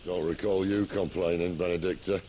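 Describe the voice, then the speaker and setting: An actor playing a defiant, gruff, weary rebel ex-commander in a video game cutscene, dry and sardonic. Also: male voice, deep voice, fairly even intonation, fairly quick, warm tone, slight background noise, lightly acted.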